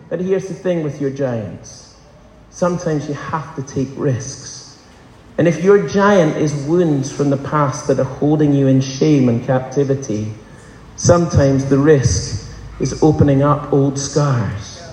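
In an echoey church hall with long reverb, a man passionately preaches to his congregation in a large hall, frequently asking the room rhetorical questions. His voice sits fairly high with a darkish tone, and a little hiss or hum is audible.

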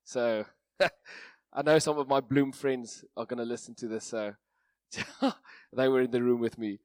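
Hoarse man preaching in an Afrikaans accent. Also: medium pitch, fairly even intonation, a little slow, a little mellow, dry recording, clean studio sound. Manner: self-deprecating, jokey. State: hoarse, strained voice. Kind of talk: informal sermon.

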